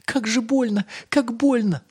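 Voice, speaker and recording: A man's voice: very high-pitched, unhurried, a little mellow, breathy edge, pitched above the performer's own voice, full character voice. A man voicing a small, frightened creature cub in a storybook, speaking in a tearful, pleading way. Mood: pained.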